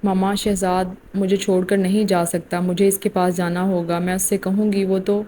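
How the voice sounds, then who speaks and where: A woman's voice: medium pitch, flat delivery, mellow, a little hiss or hum, natural voice. A woman reading the lines of a tearful young bride who pleads and begs forgiveness in an audiobook romance. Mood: pleading, tearful.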